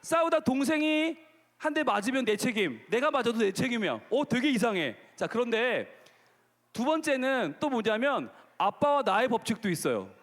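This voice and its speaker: A man's voice: extremely high pitch, big pitch swings, moderate pace, a bit bright. A man preaching a playful children's sermon who keeps asking the kids questions. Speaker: pastor. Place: large gymnasium. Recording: long reverb of a gymnasium hall.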